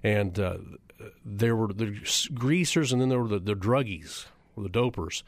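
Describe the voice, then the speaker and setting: A man's voice: on the low side, animated, normal speed, no room sound. A middle-aged man, a chiropractor giving a public talk, repeating figures for emphasis and throwing rhetorical questions at the audience. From United States.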